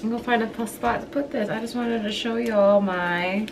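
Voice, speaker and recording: A young woman vlogging at home, talking excitedly to her viewers in a casual, gushing way. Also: fairly high pitch, normal speed, very noisy. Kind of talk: casual vlog chat to camera. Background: loud music playing.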